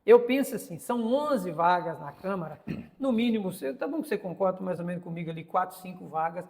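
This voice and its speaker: A man's voice: sits high, quick pace, big-room sound. A Brazilian man in his fifties hosting a casual interview, opinionated and often repeating words as he searches for them. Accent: Brazilian Portuguese. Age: 50s. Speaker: podcast host and interviewer.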